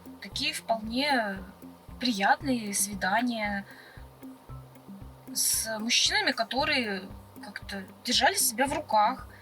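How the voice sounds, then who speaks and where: A woman talks casually in a car. Her voice is bright and sits a bit higher than usual. Faint music plays behind her. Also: lively intonation, slow, rough recording. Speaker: date in a prank. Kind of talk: casual chat. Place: inside a car.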